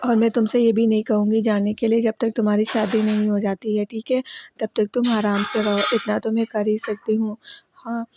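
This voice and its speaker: A woman voicing a calm young woman who coolly forgives a friend, speaking in a soothing, measured way. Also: fairly high pitch, noisy background, close to an everyday voice.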